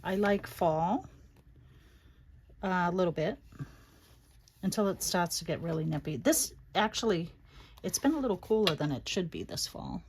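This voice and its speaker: Boston accent lady, lowish voice, chatting away while she does crafts, bit of noise and clicking behind her. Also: expressive, normal speed, long pauses. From Massachusetts, United States. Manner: chatty, talks to herself and to viewers. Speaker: crafting livestream host. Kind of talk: casual chat while crafting. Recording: noticeable background noise, clicks and rubbing.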